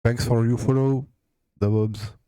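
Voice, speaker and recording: A man from Belgium speaking hesitant, halting English with a French accent, as a game streamer chatting casually live. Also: mid-range voice, fairly even intonation, warm tone, smooth, no echo. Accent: Belgian French; French-accented when speaking English. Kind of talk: casual live gameplay commentary.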